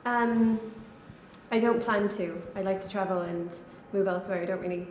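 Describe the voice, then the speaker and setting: A young woman, a college student, answers interview questions casually and talks in a relaxed way full of fillers. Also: mid-range voice, normal speed, slight background noise. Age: young adult. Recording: echoey room.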